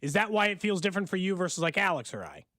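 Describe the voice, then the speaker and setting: A man's voice: sits high, big pitch swings, very fast, sharp tone, no echo, clean studio sound. A man co-hosting a sports radio show, asking a guest chatty, rambling questions. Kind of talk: casual interview questions. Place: radio studio.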